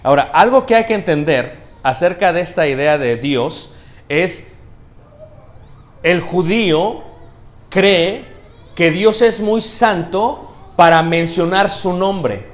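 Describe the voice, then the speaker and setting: A man preaching a teaching sermon in a church. He asks the congregation questions, adds "ok?" often, and stresses key words slowly. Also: high-pitched, animated. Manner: checks in with the congregation, asking questions and saying "¿ok?".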